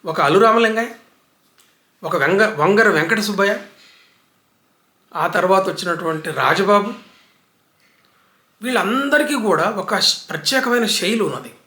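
Bright-voiced older man lecturing. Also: high voice, animated. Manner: unhurried, lecturing, piles up examples. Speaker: literary commentator. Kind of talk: reflective book talk. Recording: echoey room.

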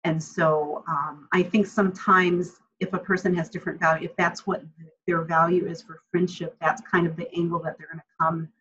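A woman with a low, husky voice answers questions on a video call from her home, friendly and reflective, pausing on little ums. The webcam audio is a bit muffled and dull. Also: a bit bright. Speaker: guest speaker. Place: home room, indoors.

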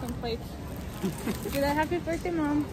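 A woman's voice: high-pitched, measured pace. A young woman talking through a face mask while vlogging casually inside a store, chatting and slipping into Spanish phrases. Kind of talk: casual vlog chat. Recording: noisy store background.

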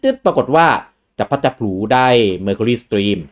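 A man hosting a casual gaming chat, relaxed and rambling with fillers and restarts. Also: mid-range voice, measured pace, clean tone. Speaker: host.

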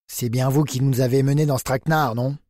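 A man's voice: medium pitch, fairly even intonation, fairly quick, darkish tone, dry recording, clean studio sound, lightly acted. A man voicing a blunt man who accuses another in a hard, categorical tone. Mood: accusing.

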